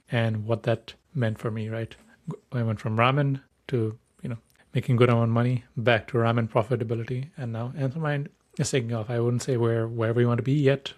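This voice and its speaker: Young male podcast host from Nepal, mid-pitched, eager, talks in quick bursts with frequent self-corrections. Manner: upbeat, enthusiastic, restarts words often. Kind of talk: solo podcast monologue.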